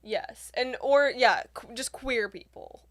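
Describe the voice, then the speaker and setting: A woman's voice: on the high side, takes it slowly, no echo. A young woman in casual, playful podcast chat with her co-host, who laughs often.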